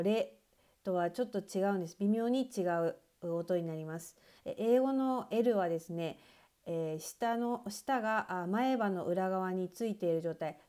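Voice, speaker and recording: A woman gives a patient pronunciation lesson, pausing often with fillers as she explains. Her voice is mellow and warm. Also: lowish voice, clear, resonant tone. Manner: patient, many fillers and "desu ne" pauses. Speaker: English pronunciation teacher.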